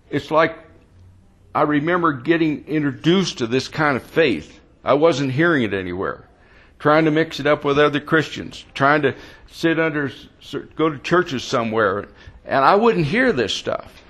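A man's voice: a little high, a bit bright. A man preaching a sermon in a conversational way, often asking the congregation questions and repeating words as he searches for phrasing.

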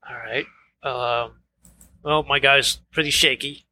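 A man's voice: medium pitch, steady tone, takes it slowly, bright, forceful tone, poor audio. A man chatting casually as a player in a tabletop game, laughing and tripping over names.

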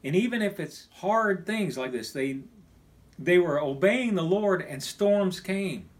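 A middle-aged man from Kansas, a pastor, preaching a sermon with animated delivery that drops to a near hush when quoting. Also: high voice, slow.

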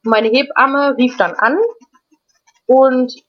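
A woman guest in an interview, telling a personal story in a casual, halting way with frequent restarts and repeated words. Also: sits high, steady tone. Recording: dull lo-fi recording.

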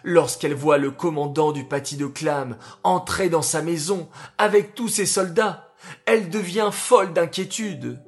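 A man tells a scripted history story to children with dramatic pacing. He speaks very slowly in a slightly high voice. Faint music plays underneath. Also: fairly even intonation. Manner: slow, dramatic, addresses children directly.

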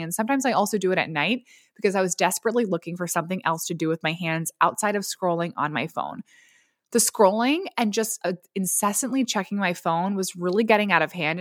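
A woman's voice: lowish voice, no echo, clean studio sound. A woman in her thirties hosting a solo podcast, chatting candidly and walking through her daily routines item by item. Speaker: podcast host. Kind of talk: solo podcast, answering listener questions. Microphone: studio podcast mic.

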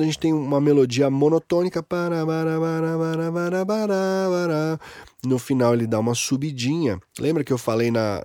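Um homem com sotaque brasileiro que apresenta um episódio sobre música e analisa uma canção de um jeito descontraído, com palavrões e pequenos exemplos cantados. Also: male voice, mid-range voice, a little mellow, no room sound, clean studio sound. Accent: Brazilian Portuguese. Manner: casual, profane, demonstrative, sings short examples. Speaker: music educator. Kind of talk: casual music analysis episode.

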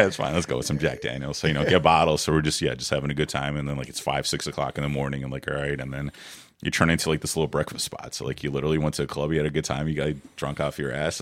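Very deep fast-talking rambling man. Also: fairly bright tone, no echo. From Ukraine. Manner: rambling, many "if you will" and "I mean" fillers. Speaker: guest. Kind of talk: casual storytelling interview.

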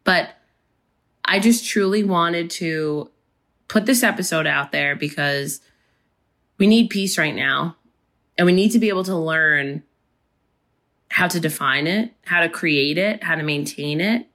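Woman, raspy voice, slightly low pitch, slow gentle podcast talk. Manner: slow, gentle, unhurried delivery. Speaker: podcast host. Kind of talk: reflective solo podcast talk.

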